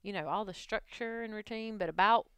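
A woman's voice: medium pitch, fairly quick, fairly bright tone, clear, resonant tone, no echo. A woman in her forties chatting casually, laughing often and saying "like" a lot. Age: 40s. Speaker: employee. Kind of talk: casual chat.

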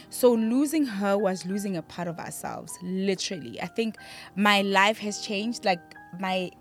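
Young woman talking grief on a podcast, earnest and heated, faint music under. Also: mid-range voice. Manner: earnest, grieving, emphatic. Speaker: podcast guest. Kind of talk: emotional interview.

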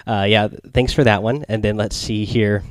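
A man hosting a casual gaming podcast in a quiet, subdued late-night manner, rambling and hesitant as he goes. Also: fairly low pitch, fairly even intonation, moderate pace, dry recording, studio quality. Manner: quiet, subdued late-night delivery, holding back so as not to wake others. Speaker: solo podcast host. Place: small home recording space near bedrooms.

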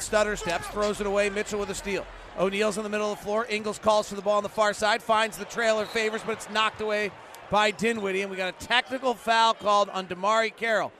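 A man doing live basketball play-by-play, in clipped running descriptions that burst into excited calls. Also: sits high. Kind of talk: live game commentary. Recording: noisy arena sound. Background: gym noise, bouncing basketball.

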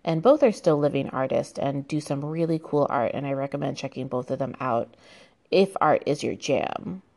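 A woman's voice: extremely low pitch, lively intonation, normal speed, darkish tone. A young American woman hosting a casual solo podcast, chatty and loose with fillers, often laughing between thoughts. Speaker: podcast host.

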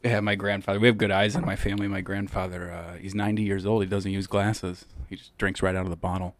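A man on a podcast in a small shed studio, casually telling dad jokes in a deadpan way and laughing at his own punchlines. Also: low-pitched, fast, slight background noise. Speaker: podcast co-host. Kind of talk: casual joke-swapping chat.

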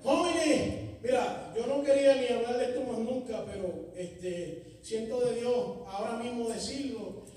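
A man preaching a sermon testimony in a church, swinging from loud exhortation to hushed storytelling. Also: extremely high pitch, unhurried. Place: church sanctuary. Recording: echoey hall, distant mic.

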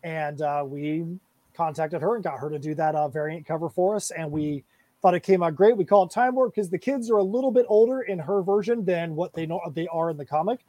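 A man's voice: a little high, a little fast, mellow. A man who creates comics, chatting casually on a podcast about his project, upbeat and rambling.

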